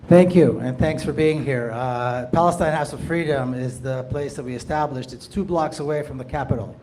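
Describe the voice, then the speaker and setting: A man's voice: mid-range voice, moderate pace, noisy background. A man from Jerusalem, speaking up from the audience in an earnest, emphatic way, often repeating his phrases. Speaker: audience member, activist. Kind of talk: impassioned public comment.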